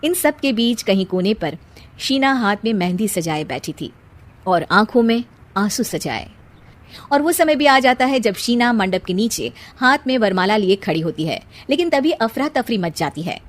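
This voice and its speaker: A woman narrating a cartoon story in a dramatic, even storytelling manner. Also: a little high, moderate pace.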